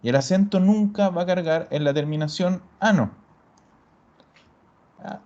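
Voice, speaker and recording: A man's voice: high voice, a little slow, warm tone. A man teaching a grammar class, explaining step by step and patiently repeating his students' answers. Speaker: Italian teacher. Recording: dull lo-fi recording.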